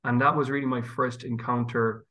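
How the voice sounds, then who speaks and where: A west of Ireland priest from County Galway, interviewed as a guest, speaks in a thoughtful, conversational way. His mid-range voice has little pitch movement and a moderate pace, and it sounds pushed and bright.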